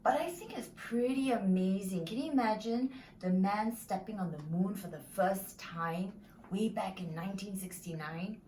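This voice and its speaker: A woman from Singapore presents interactive storytelling for children, sounding encouraging and instructive. Her voice is medium in pitch with a dark tone at normal speed, recorded from a distant mic in an echoey room with faint noise.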